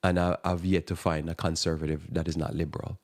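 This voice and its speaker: A man with a very low voice and a thick accent preaches on a radio talk program. He wanders from point to point, stumbles and repeats words, and lets out small chuckles at his own remarks. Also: level tone, quick pace. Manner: rambling, repeats and restarts words. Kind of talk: sermon-style radio talk.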